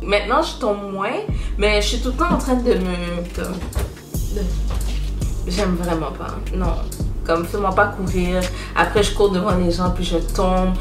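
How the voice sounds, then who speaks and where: Young woman, Quebec French accent, lively casual vlog voice, echoey room, music bed. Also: medium pitch. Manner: animated, chatty, mixes in English words. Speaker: vlogger. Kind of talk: casual chat to camera.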